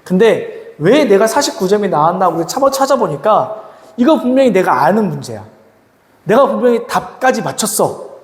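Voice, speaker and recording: A man's voice: high-pitched, normal speed. A man preaching to teenagers as a youth pastor, often asking the audience questions. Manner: lively, asks the audience questions and acts out quoted voices. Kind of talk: sermon to teenagers. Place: church hall. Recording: echoey hall with long reverb.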